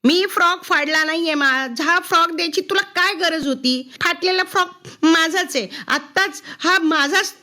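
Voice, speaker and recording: A woman voicing a defiant sixth-grade girl who shouts bitterly at her mother. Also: high-pitched, sing-song, unhurried, heavily acted. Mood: shrill defiance.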